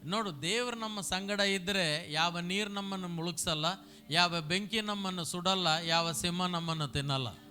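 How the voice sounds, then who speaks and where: A man's voice: high-pitched, normal speed, bright, forceful tone, faint music behind. A middle-aged pastor, preaching animatedly and having the congregation repeat his phrases. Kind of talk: sermon with call-and-response.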